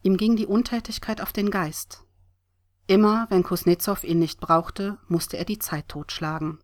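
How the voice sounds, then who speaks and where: A woman narrating an audiobook in a steady, expressive reading voice. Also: mid-range voice, unhurried.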